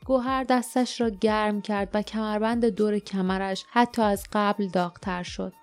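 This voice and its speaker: A woman narrating an audiobook in a measured, even storytelling manner. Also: medium pitch, soft background music.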